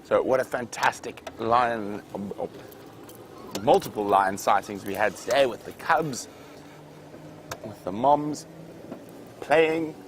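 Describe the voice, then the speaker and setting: A safari guide hosts a live game drive from an open vehicle, with noisy outdoor vehicle sound all around. His mid-range voice is slow and pauses often as he explains the savanna wildlife to viewers in an unscripted, conversational way.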